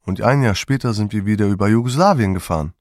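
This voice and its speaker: A man calmly narrating his memoir in a measured storytelling manner. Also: fairly low pitch, dry recording, clean studio sound.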